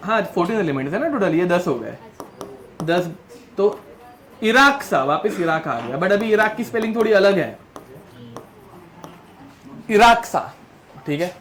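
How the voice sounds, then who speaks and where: Guy teaching chemistry, high-ish voice, strict with the class, repeats mnemonics over and over. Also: very animated, a little slow, long pauses, a bit bright. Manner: drills mnemonics, scolds students, Hindi mixed with English terms. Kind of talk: classroom lecture.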